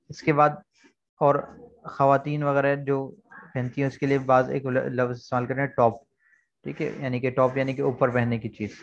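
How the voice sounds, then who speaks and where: A man's voice: mid-range voice, dull audio. A man teaching an online English lesson, explaining words patiently and repeating key points. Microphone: video call.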